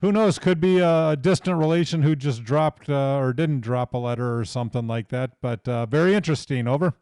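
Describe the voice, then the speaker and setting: An American man works as an amateur radio operator, talking casually between calls. His mid-range voice is crisp and resonant, recorded close and dry. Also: medium pitch, a little fast, a little mellow, no room sound. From Iowa, United States. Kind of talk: casual ham radio exchange.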